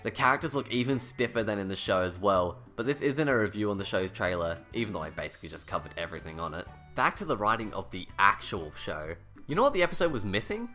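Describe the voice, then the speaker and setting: Reading a scripted takedown over background music, this male video reviewer speaks quickly with barely a pause, his low-leaning voice pushed and bright. A lisp turns his s sounds into a slushy sh. He's blunt, sarcastic and full of swearing, with the occasional jab at himself.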